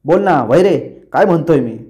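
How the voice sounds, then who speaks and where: A man voicing an elder brother from a TV serial, shouting and demanding answers. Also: a little high, moderate pace, close to an everyday voice. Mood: angry.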